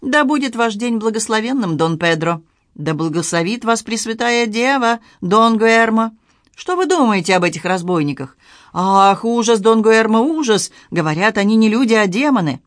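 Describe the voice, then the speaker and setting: Reader doing a scared gossiping townsman, excited, agitated, loud, dry close sound. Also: medium pitch, moderate pace, no room sound, natural voice. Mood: fearful gossip.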